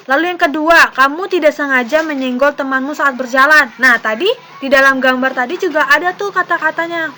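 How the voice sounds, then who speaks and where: A woman's voice: sits high, fairly quick, bright, forceful tone, a little hiss or hum. A young woman teacher with an Indonesian accent, patiently explaining a lesson to young children and acting out short example dialogues.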